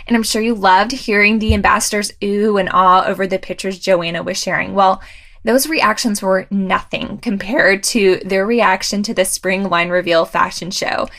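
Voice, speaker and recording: An enthusiastic woman narrating a scripted recap as host. Her medium-pitched voice carries a steady touch of vocal fry, and she sounds bright and upbeat throughout.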